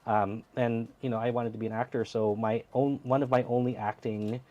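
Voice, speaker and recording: A man's voice: mid-range voice, little pitch movement, brisk, darkish tone, muffled recording. A man in his thirties from the United States, speaking in an earnest, reflective way as a guest in an interview. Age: 30s. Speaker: theater co-producer, guest. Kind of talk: interview conversation.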